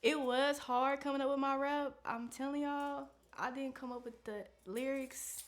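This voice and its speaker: A woman's voice: sits high, fairly even intonation, moderate pace. A woman contestant chatting candidly, a bit sheepish about her work. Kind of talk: casual chat.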